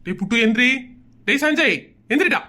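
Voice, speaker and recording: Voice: mid-range voice, expressive, a little fast, sharp tone. A performer voicing a harried office-going father in a cartoon comedy, grumbling at his wife and threatening his son. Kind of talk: Tamil cartoon comedy dub.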